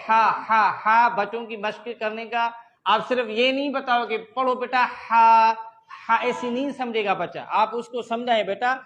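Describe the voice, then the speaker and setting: A man teaching a lesson on Quran letter sounds, calmly explaining and demonstrating letters in loud, drawn-out repetitions. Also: high-pitched, muffled recording, a little hiss or hum.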